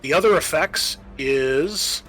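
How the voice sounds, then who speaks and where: A game master leads a tabletop roleplaying session, explaining the rules one step at a time in a bright, forceful voice that sits a little high and moves slowly. His manner is methodical and explanatory, with music playing underneath.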